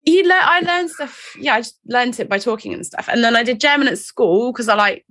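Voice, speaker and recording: Woman from England, 40s, chatty and animated guest, slightly high voice, self-deprecating. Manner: chatty, animated, self-mocking, quick asides. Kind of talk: casual interview chat.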